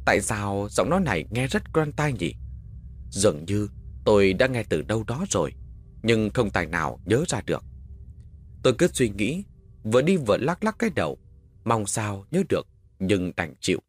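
Husky man telling a horror story. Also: lowish voice, normal speed, faint music behind. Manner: dramatic, expressive storytelling.

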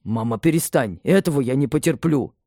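A man's voice: mid-range voice, moderate pace, warm tone, no room sound, studio quality, close to an everyday voice. A man voicing a stubborn young man who speaks sullenly and defiantly to his mother.

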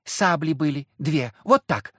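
Brief: man doing scrappy young street girl, high and pert, husky grain. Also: animated, pushed and bright, dry recording, studio quality, full character voice. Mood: cheeky. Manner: quick, pert village speech.

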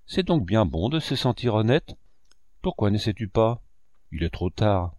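A man's voice: lowish voice, very animated, unhurried, a little mellow, no room sound, studio quality. A man voicing a tough young male street thief with a harsh, scornful manner, read in an audiobook. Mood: gruff. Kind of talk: audiobook reading.

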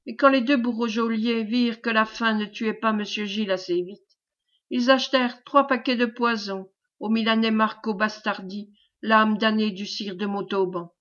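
A woman's voice: on the high side, fairly even intonation, normal speed, a bit bright, natural voice. A woman reading the speech of a humble peasant man who tells a grim tale with earnest fervor. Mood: fervent. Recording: dull lo-fi recording.

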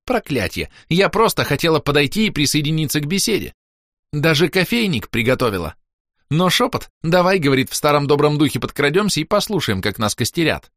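A man's voice: on the high side, sing-song, fairly quick, fairly bright tone, no room sound, voice pushed up. A man voicing a tired, dry-spoken noblewoman clan leader in an audiobook. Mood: exasperated.

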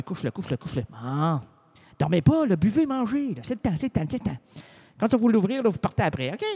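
A bumbling small-town police officer with a Quebec French accent, as a man puts him on in a comedy radio sketch. He rambles along in a high voice, tripping over words and twisting names as he goes. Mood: goofy.

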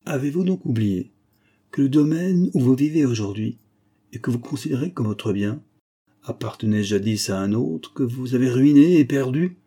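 A man voicing a menacing masked male avenger, hoarse, hissing and imperious as he makes his threats. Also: medium pitch, moderate pace, warm tone.

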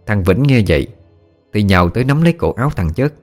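A man narrating a ghost story in a steady, plain way. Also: lowish voice, quick pace, soft background music.

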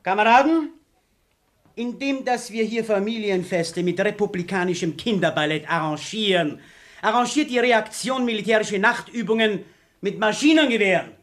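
An actor playing a defiant young radical who interrupts a meeting with fiery demands. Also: male voice, sits high, normal speed, a bit bright. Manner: fiery, agitating. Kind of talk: period film acting.

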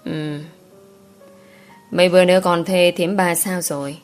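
Lady reading as a stern middle-aged mom, firm and scolding, lowish voice. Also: steady tone, a little slow, soft background music, lightly acted.

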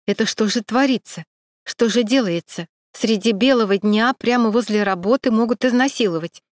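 A woman's voice: a little high, moderate pace, no echo, clean studio sound, lightly acted. A woman voicing a nosy, exclaiming female makeup artist.

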